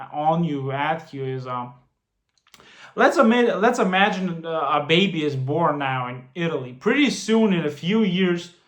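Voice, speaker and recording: A man's voice: a little high, a bit bright. A man in his late twenties giving casual money advice to the camera, earnest and prone to repeating and restarting phrases. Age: 20s. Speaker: finance vlogger. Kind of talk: casual talking-head advice. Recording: roomy echo.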